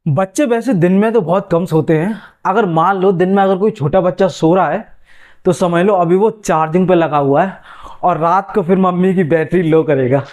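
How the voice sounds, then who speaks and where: A man's voice: high voice, normal speed, darkish tone. A man doing chatty stand-up storytelling, talking straight to the audience. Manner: chatty, addresses audience as brother. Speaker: stand-up comedian.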